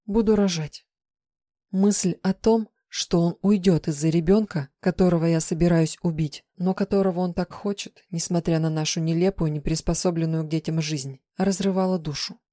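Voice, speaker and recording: Low-voiced woman narrating a novel. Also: fairly even intonation, normal speed, hardly any pauses, mellow, no echo, clean studio sound. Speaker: audiobook narrator. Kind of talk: first-person scripted narration.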